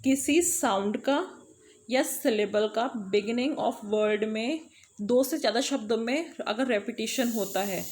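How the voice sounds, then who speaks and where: Slow, patient Indian woman teaching. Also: fairly high pitch, darkish tone. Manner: slow, explanatory, repeats points. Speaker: English teacher. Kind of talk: online lesson, mixing English and Hindi.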